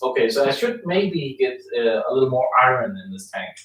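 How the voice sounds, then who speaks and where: A man's voice: medium pitch, sing-song, a little fast, fairly bright tone. Man, Danish accent, joking and chatty, roomy echo, distant mic. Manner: joking, chatty, laughs easily, filler likes. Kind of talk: casual chat.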